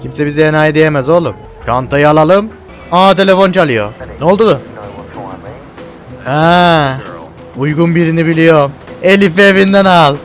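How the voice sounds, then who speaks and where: A young man giving casual, joking let's-play commentary with loud exclamations. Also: fairly high pitch, measured pace, soft background music. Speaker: gameplay YouTuber.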